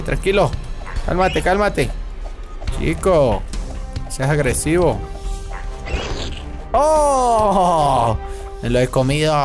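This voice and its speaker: A man hosting a gaming channel, giving excitable let's-play commentary and chattering to the game's creatures as the hungry monster he plays. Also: a little high. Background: game music.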